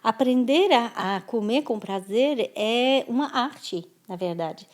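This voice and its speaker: A woman's voice: on the high side, animated, slow pace. A French-born woman speaking as a guest in an interview, thoughtful and often restarting her words. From France. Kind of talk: conversational interview.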